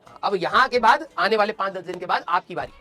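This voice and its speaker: Guy teacher pepping up exam kids, talks fast, bit bossy but kind, soft music under it. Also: high-pitched. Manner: blunt, scolding yet encouraging, asks "clear?". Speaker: coaching teacher. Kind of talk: motivational class talk.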